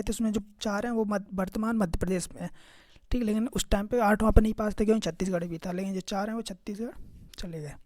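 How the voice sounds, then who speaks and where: A man's voice: high voice, darkish tone, dry recording, studio quality. A male teacher, giving a casual exam-prep lecture and constantly asking listeners to remember each fact. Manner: keeps repeating "okay" and "remember this", quizzing listeners.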